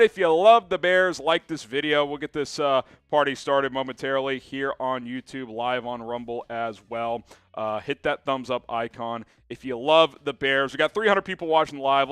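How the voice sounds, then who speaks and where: Young male host for live sports talk, energetic and chatty, clean resonant voice, dry close sound. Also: medium pitch, clear, resonant tone, dry recording. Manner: energetic, chatty, many fillers. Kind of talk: live-stream sports talk, reading viewer chat.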